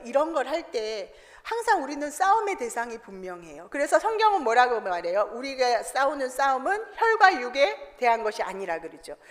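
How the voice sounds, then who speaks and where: A woman preaching a sermon in a church, animated and asking the congregation questions that she answers herself. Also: high voice. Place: church sanctuary. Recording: reverberant church hall.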